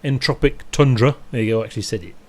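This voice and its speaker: A man's voice: mid-range voice, racing, darkish tone. A man chatting casually as a podcast co-host, rambling and interrupting himself, with dry chuckles. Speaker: podcast co-host reviewing an album. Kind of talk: casual chat.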